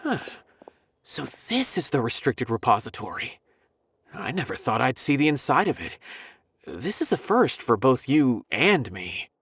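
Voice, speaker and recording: An actor playing an earnest young officer in a video game, with an expressive way of talking. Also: male voice, mid-range voice, measured pace, slightly rough, dry recording, exaggerated voice. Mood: awed.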